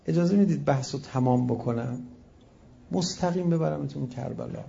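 A man preaching a sermon, telling stories and shifting between loud exclamations and quiet asides. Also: fairly high pitch, creaky, muffled recording. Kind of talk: religious sermon with storytelling.

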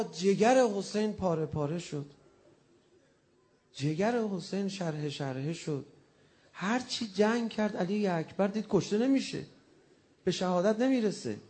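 A male preacher giving a religious sermon to a congregation, moving from hushed, tender storytelling to loud, impassioned cries. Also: high-pitched. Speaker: preacher reciting a mourning lament.

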